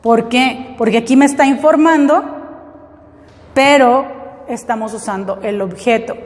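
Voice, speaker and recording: A woman's voice: on the high side, measured pace, long reverb tail. A woman teaching English, explaining step by step and often checking that her students follow. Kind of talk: classroom lesson.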